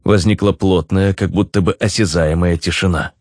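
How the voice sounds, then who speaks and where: Man reading an audiobook, low voice, steady and descriptive, dry close sound. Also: no room sound. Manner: measured, descriptive storytelling. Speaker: narrator. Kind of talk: scripted audiobook narration.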